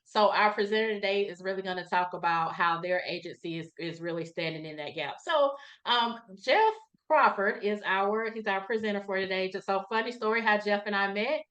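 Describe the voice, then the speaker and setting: A woman's voice: medium pitch, a little fast, a bit bright. Host: woman, friendly, casual with fillers, mid-range voice. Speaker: webinar host. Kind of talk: webinar introduction.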